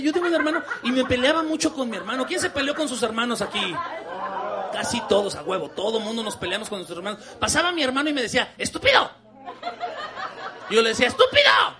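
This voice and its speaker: A young man with a Mexican Spanish accent performs stand-up, crude and slangy, laughing as he goes. His voice sits high and swings widely in pitch. A live audience is clearly heard laughing behind him. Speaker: stand-up comedian. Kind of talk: stand-up comedy set. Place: comedy venue with a live audience.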